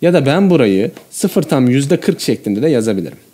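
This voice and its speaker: A man's voice: medium pitch, very animated, a little fast, dark tone. A man teaching a math lesson, explaining each step and often checking in with the viewer.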